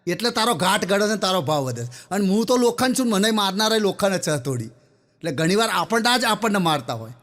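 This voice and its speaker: A man performs a stand-up comedy set, chatting with the audience, calling them sir, and telling joke stories while acting out the characters. His high, fairly bright voice is very animated and brisk.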